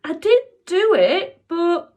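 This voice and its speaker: A worried young schoolboy from a children's story who stammers and pleads his case, as a woman reading aloud puts him on. His voice sits higher and moves about in pitch. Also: very animated, takes it slowly, darkish tone, full character voice. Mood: anxious. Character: anxious schoolboy in trouble.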